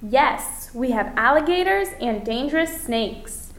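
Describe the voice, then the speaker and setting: An American woman presenting a scripted language-lesson dialogue, speaking carefully and clearly for learners. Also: sits high, lively intonation, echoey room. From Florida, United States. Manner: slow, carefully articulated, as if for learners.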